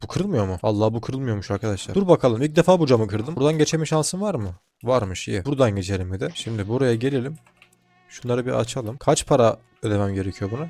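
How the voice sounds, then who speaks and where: Fast-talking man with a dark voice. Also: on the low side. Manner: chatty, talks to viewers, swears freely. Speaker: gaming channel host. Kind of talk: casual let's-play commentary.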